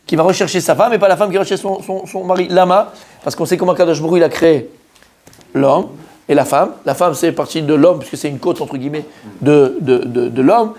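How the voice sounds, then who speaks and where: A rabbi with a high, bright-sounding voice delivers a spirited Torah lesson in French. He speaks straight to his listeners and peppers his speech with Hebrew phrases. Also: fairly quick. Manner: animated, addresses listeners directly, mixes Hebrew terms into French. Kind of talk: Torah lesson, lively sermon.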